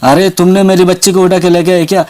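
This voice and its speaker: A man's voice: high voice, little pitch movement, fast talker, darkish tone, lightly acted. Frantic witch, as a man puts her on. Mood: angry. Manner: frantic, repeated exclamations and threats. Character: menacing female village witch hunting her baby. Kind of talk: toy doll storytelling.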